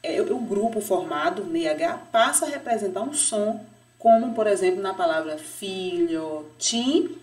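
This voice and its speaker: A woman teaching young children to read in a remote lesson, stretching out each example word slowly. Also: medium pitch, lively intonation, a little mellow. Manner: slow, drawn-out syllables on example words. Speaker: primary school teacher. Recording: voice a bit distant from the mic.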